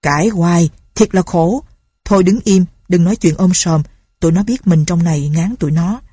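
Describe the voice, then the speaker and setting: Brief: woman reader playing a gruff old landlord, curt and commanding, dark husky tone. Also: fairly low pitch, normal speed, dry recording, studio quality. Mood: tense. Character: wary, stern older male landlord and village chief.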